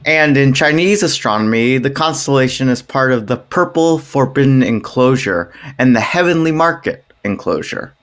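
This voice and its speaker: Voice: mid-range voice, expressive, moderate pace, few pauses. A podcast co-host retelling myths in casual chat, playful and jokey with wry asides.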